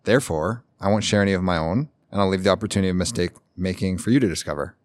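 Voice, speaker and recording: A young man guests on a podcast, reading aloud and cracking jokes. His voice is very deep. The recording is dry and close. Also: very fast, no room sound. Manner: joking, playful. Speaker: podcast guest, medical student. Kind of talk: reading a quote, then casual chat.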